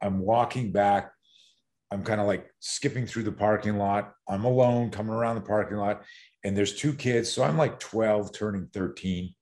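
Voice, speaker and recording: A man's voice: on the low side, normal speed, a little mellow. A middle-aged man telling a story as a podcast guest, acting out voices and sounds and laughing often. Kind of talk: animated storytelling in a podcast interview.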